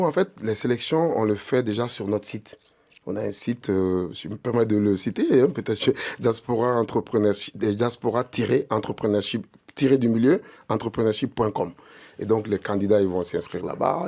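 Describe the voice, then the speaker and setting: A man with a lowish voice speaks as a radio guest about the program he founded. He talks eagerly and keeps dropping fillers as he goes. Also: a little fast, creaky, darkish tone. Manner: enthusiastic, filler-heavy, repeats "voilà". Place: radio studio.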